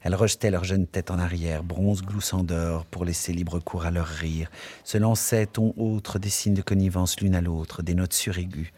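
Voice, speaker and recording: A man narrating a literary text as an audiobook, measured and expressive. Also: low-pitched, husky. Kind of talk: literary reading.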